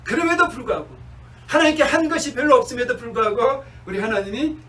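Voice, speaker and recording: A male pastor preaching a sermon, asking his congregation questions and answering them himself, sometimes slowing down and dropping to a soft murmur. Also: extremely high pitch, animated, far from the mic, rough recording. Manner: slows down and drops to a near-murmur on key words.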